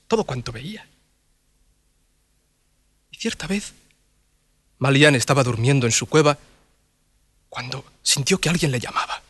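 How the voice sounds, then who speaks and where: A man narrating a children's story in a playful, animated way with sound effects and sing-song bits. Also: mid-range voice, slightly rough, dry recording.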